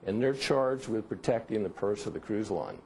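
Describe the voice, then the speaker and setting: An older man answers from a remote studio, measured and halting, often restarting his sentences. His voice is low and mellow, with a faint hiss under it. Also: expressive, creaky, poor audio. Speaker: maritime injury lawyer. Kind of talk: remote news interview.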